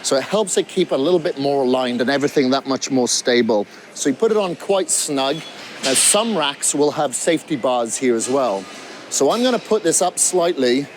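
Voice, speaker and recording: A man's voice: mid-range voice, expressive, normal speed, slight background noise. Man coaching a gym workout. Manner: coaching, demonstrating exercises while talking. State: out of breath at times. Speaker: fitness trainer.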